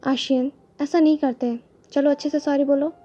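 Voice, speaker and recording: Woman doing caring elder sister, soothing, high voice, mellow, lo-fi. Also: steady tone, normal speed, faint music behind, close to an everyday voice. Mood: gentle.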